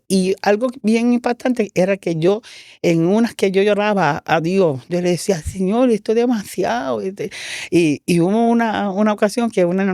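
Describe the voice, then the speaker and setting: Woman pastor sharing her testimony, warm mellow voice, dry close sound, acts out the dialogue. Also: lowish voice, dry recording. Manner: emotional storytelling, acts out quoted dialogue. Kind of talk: testimony in a church interview.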